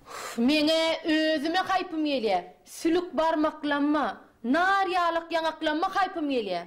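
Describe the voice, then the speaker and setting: A woman's voice: sits high, animated, takes it slowly. An actress playing a woman who complains in a sighing, self-pitying way. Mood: complaining.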